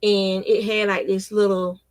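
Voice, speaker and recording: A woman in her fifties, a crochet vlogger, reminisces casually while she crochets, rambling and often restarting her sentences. Her mid-range voice stays fairly flat in pitch and keeps a measured pace, with no room sound behind it.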